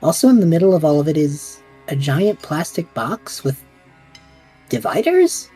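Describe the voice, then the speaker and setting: In a fan audio drama, a woman with a low, husky voice gives a full character performance as an eager, scatterbrained young male adventurer who jokes his way through danger. She speaks at normal speed, excited, excitable, and reckless, over soft background music on a low-quality recording.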